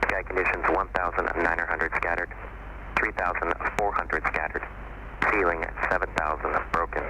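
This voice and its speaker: Deep male airport weather broadcast. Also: normal speed. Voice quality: flat, clipped readout. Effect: airport weather broadcast over the aircraft radio. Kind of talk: recorded airport information broadcast. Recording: radio broadcast under loud helicopter engine noise.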